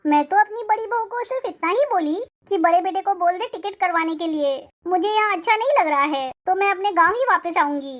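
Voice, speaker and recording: A voice actor playing an aging village mother-in-law in an animated moral story, who scolds and then turns tearful and apologetic. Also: extremely high pitch, brisk, hardly any pauses. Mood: defensive. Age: older.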